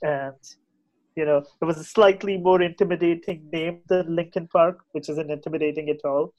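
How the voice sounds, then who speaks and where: A man's voice: a little high, steady tone, moderate pace, darkish tone, dull audio. A man with an Indian English accent chatting casually and giving opinions as a podcast guest, often repeating and restarting his phrases.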